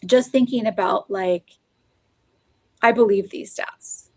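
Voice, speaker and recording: A woman's voice: medium pitch, slow, a little mellow, dry recording. A woman co-hosting a casual podcast chat, talking in loose, rambling sentences full of fillers. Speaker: podcast co-host. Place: Oklahoma, US.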